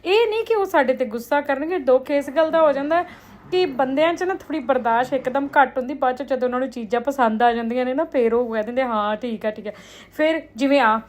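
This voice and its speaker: A woman from India talks to her viewers in a high, rapid voice. Her vlog delivery is casual and chatty, as if confiding household stories to close girlfriends. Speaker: vlogger.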